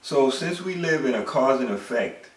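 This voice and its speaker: A man's voice: mid-range voice, animated, moderate pace, recorded from a distance. A middle-aged man delivering an emphatic monologue lecture, posing rhetorical questions and repeating words. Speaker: commentator. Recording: echoey room, away from the mic.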